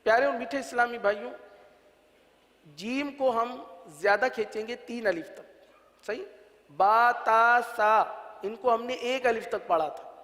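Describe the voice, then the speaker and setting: A man with a very high, bright, forceful voice teaches Quran pronunciation, pausing often. He works patiently through explanations step by step and drills letter sounds in call-and-repeat fashion, with long hall reverb around him.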